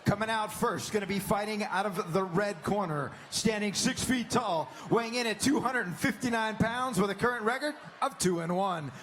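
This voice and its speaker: An older man as a ring announcer, giving grand fighter entrance announcements on a handheld microphone at a live cage event. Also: high-pitched. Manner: drawn-out shouted names. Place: MMA cage in an event venue. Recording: noisy live event PA sound.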